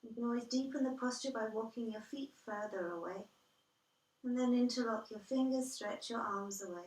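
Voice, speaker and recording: A woman guiding a yoga class as instructor, calm and measured, step by step. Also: fairly high pitch. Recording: roomy echo, distant from the mic.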